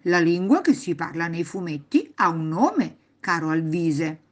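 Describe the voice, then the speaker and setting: A gentle, cheerful old grandmother from a children's storybook talks in a soothing, reassuring way, voiced by a woman reading aloud. Her voice sits low and moves with lively rises and falls. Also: measured pace. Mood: kind.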